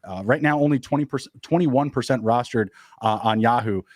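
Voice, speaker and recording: A man co-hosting a casual fantasy football podcast, rattling off stats quickly with plenty of fillers. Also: mid-range voice, darkish tone, no echo, clean studio sound. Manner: quick, upbeat, stat-heavy talk with fillers. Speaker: podcast co-host.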